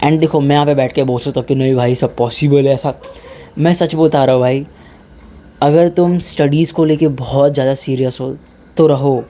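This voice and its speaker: The voice belongs to a young male fitness vlogger: a little high, dark in tone, with slight background noise. He talks informally and bluntly about gym habits and studying, drops English into his speech, and repeatedly addresses listeners as "bhai," meaning brother.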